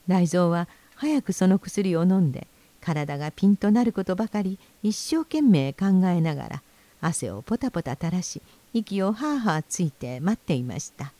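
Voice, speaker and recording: A woman reads a storybook aloud in a low, mellow voice. Her delivery is steady and expressive, and the recording is dry and close with no room sound. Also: no echo. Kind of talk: storybook reading.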